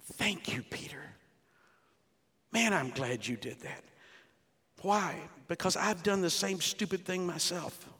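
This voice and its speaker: A man's voice: sits high, lively intonation, a little slow, sharp tone, husky. A man in his sixties, a pastor preaching a conversational sermon with rhetorical questions to his congregation in a church. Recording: long hall reverb.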